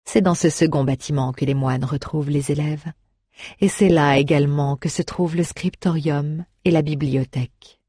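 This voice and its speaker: A woman narrating a fantasy novel in a calm audiobook reading, close to the mic. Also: low-pitched, moderate pace, breathy edge, no room sound.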